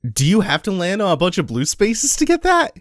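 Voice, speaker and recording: A man's voice: high-pitched, huge pitch swings, fairly quick, fairly bright tone, no room sound, clean studio sound. A man giving casual, laid-back gameplay commentary, explaining things as he plays. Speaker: let's play commentator.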